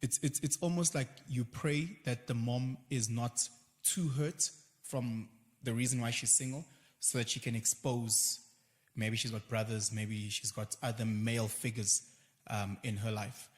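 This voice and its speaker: Animated South African man in a reverberant room. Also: mid-range voice, unhurried. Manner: animated, acts out voices and quotes in passing. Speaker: guest. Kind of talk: casual conversation.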